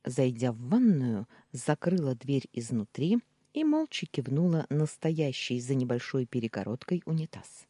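A woman reads a first-person audiobook in a measured, expressive way. Her voice is low and husky, with a mellow darkness. The pitch moves in lively swings through the sentences. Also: no room sound. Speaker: audiobook narrator.

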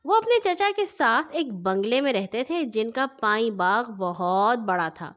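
A woman reads a children's story aloud in an expressive, sing-song way. Her voice is high for a woman and swings widely in pitch, which keeps the telling animated. The reading sounds like storytime for young listeners. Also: lo-fi sound.

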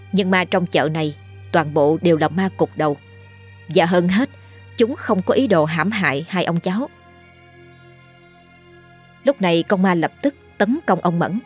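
A woman narrating a horror story in a steady, dramatic way. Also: fairly low pitch, slightly rough. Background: faint music.

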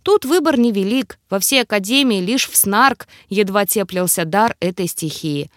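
A woman's voice: medium pitch, animated, no room sound, close to an everyday voice. Lady voicing scared young guy mage, whiny and begging, dry mic. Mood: confessing. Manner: pleading, whimpering, hurried. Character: frightened, sniveling young male battle mage.

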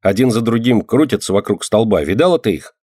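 A man reading an audiobook and voicing a proud, rough street boy who scolds loudly. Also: lowish voice, animated, a little fast, no echo, studio quality, pitched above the performer's own voice. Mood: earnest. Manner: gruff, scolding, loud.

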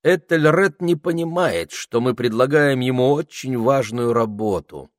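A man voicing a clever, sharp-tongued young girl who talks firmly. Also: medium pitch, a little slow, no room sound, clean studio sound, voice pushed up, close to an everyday voice. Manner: firm, reproachful.

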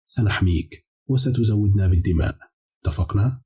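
A man's voice: fairly low pitch, a little fast, dark tone, husky. A man voicing a chorus of cold, ominous enslaved demons in an audiobook, speaking in a grave, warning tone. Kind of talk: audiobook character reading.

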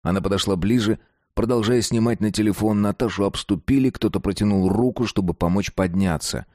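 Male narrator, very low voice, slow deliberate reading, dry close recording. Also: a little mellow, no echo. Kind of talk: scripted narration of a dark story.

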